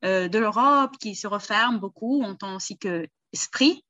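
Calm woman, slightly muffled sound. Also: medium pitch. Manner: calm, agreeable, measured. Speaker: interviewer. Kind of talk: casual conversation.

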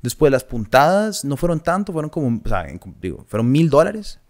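A man's voice: fairly high pitch, brisk. A young man with a Costa Rican accent, co-hosting a podcast and telling a long story in casual chat, acting out the voices he quotes. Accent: Costa Rican Spanish. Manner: animated anecdote-telling, acts out quoted voices, laughs often. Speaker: podcast co-host.

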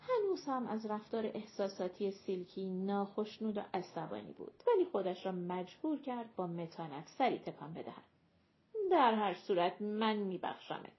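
A woman reading an audiobook in a clear, even narrating voice. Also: mid-range voice, few pauses, dull audio.

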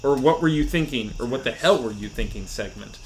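A man co-hosting a casual fantasy football podcast, teasing and roasting his friends with quick jokes. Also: mid-range voice, lively intonation, a little hiss or hum. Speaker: podcast co-host.

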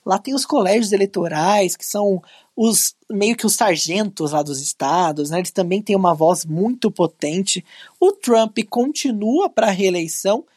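A Brazilian woman co-hosting a talk show, presenting news items in a conversational way with quick asides. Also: medium pitch, darkish tone, breathy edge, no echo, clean studio sound. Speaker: co-host. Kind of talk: casual news commentary.

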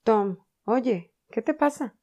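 A woman's voice: fairly low pitch, moderate pace, dark tone, natural voice. A woman voicing an anxious young boy worried about his brother, calling out urgently.

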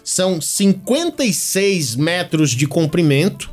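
A man's voice: high voice, big pitch swings, takes it slowly, a little mellow, faint music behind. A man with a Paraíba accent from Northeastern Brazil, chatting casually and agreeably as a radio co-host.

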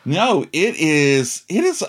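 A man's voice: on the high side, huge pitch swings, slow pace, crowd noise. A man hosting a podcast in a casual, chatty style. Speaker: podcast host.

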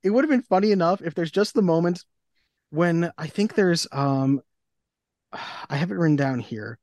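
Animated laughing woman podcaster. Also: fairly low pitch, moderate pace, no echo, studio quality. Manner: laughing, animated, acts out reactions in quoted voices. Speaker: podcast co-host. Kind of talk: casual chat.

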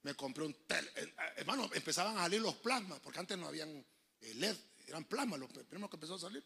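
A middle-aged Honduran man preaching with a husky, gravelly voice. His pitch sits high and swings widely, and his sound is bright and sharp as he jokes and tells stories. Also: expressive, quick pace. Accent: Honduran Spanish. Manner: joking, storytelling preacher, acts out voices. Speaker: pastor. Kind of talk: lively sermon.

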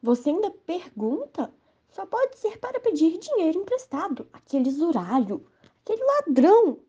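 Woman as a whining old miser, high and swooping, mellow tone, stage play. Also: big pitch swings, normal speed, lo-fi sound. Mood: panicked. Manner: wailing, complaining, prays to a saint.

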